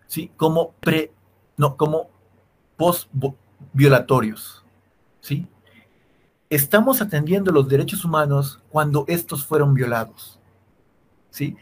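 A man's voice: fairly high pitch, husky. A man, a law lecturer answering interview questions, checking in with a constant questioning "sí" and stumbling over restarts. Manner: keeps checking in with a questioning "sí", many restarts and fillers. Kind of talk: academic explanation in an interview.

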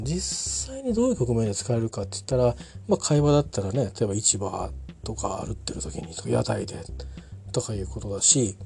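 A man talking casually on his own, rambling with many fillers and self-corrections. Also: lowish voice. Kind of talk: casual solo talk.

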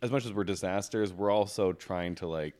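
A man in his thirties co-hosts a podcast, chatting casually in a deep, slightly mellow voice at a fairly quick pace. He rambles and restarts his sentences often.

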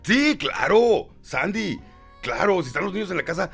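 Mexican male co-host, fairly high, gravelly voice; crude, joking, slangy banter. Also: very animated, moderate pace, a bit bright, soft background music. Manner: joking, swears freely, acts out voices. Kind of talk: casual comic chat.

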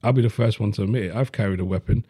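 Man, blunt and sweary, dark voice, dry close sound. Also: fairly low pitch, very fast, breathy edge, no room sound. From Leicester, England. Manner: blunt, swears freely, many fillers. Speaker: podcast host. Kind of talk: casual chat.

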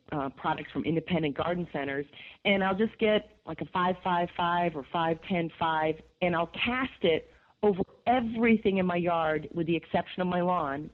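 Gravelly-voiced woman on a phone line. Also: on the low side. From upstate New York. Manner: chatty, enthusiastic, many fillers. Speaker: garden expert guest. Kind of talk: casual radio interview.

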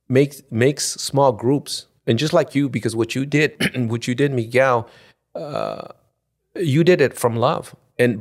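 A man in his sixties from Ecuador, a podcast guest talking off the cuff in halting, restarting phrases. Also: medium pitch. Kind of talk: spontaneous conversation.

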